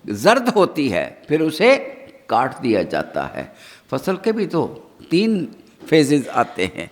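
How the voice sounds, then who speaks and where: Pakistani guy preaching to a crowd, lively up and down voice, big echoey hall. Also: fairly high pitch. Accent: Pakistani Urdu. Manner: impassioned, rhetorical questions to audience. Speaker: Quran teacher. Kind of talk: sermon. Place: large hall at a training camp. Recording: long hall reverb.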